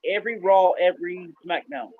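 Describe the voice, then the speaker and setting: A man with a slightly high voice tells a story in loose, casual chat, stumbling over fillers and starting over again and again. The recording is dull and lo-fi. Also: steady tone, a little fast. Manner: rambling storyteller, many fillers and restarts. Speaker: podcast co-host. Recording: dull lo-fi sound.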